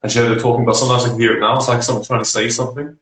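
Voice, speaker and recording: A man's voice: mid-range voice, level tone, rapid-fire, fairly bright tone, echoey room, rough recording. A man speaking as a guest on a live stream, loosely, with "like" repeated all the time. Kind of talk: casual live-stream chat.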